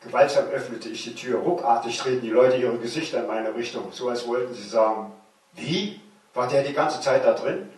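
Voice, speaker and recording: A man's voice: mid-range voice, a little mellow. Echoey older man reading his memoir. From Germany. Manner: measured, slows for suspense. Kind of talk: literary reading. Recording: very echoey room, distant mic.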